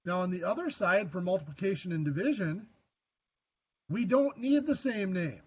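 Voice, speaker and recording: A man teaching a math lesson quizzes his class and makes dry, self-deprecating jokes as he lectures. His high-sitting voice is animated and a bit breathy, moving at a moderate pace on a muffled recording.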